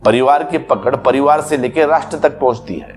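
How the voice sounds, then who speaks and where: A man's voice: mid-range voice, brisk, faint music behind. A man giving a spiritual discourse as a teacher, explaining patiently through repeated everyday examples.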